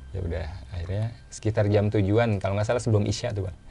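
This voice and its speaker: A man with a casual way of talking, telling his own story as a guest in a relaxed chat and repeating phrases for emphasis. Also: lowish voice, fast, creaky, slight background noise.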